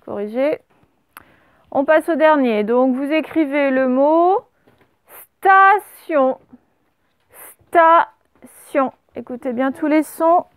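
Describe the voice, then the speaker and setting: A woman teaching a spelling lesson, dictating words slowly and spelling them out letter by letter and syllable by syllable. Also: high-pitched, a little mellow, no echo. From France. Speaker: primary school teacher.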